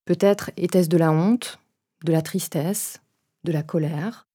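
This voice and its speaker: A woman leading a guided meditation, giving gentle, unhurried instructions in a soft voice with pauses between phrases. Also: fairly low pitch, slightly rough.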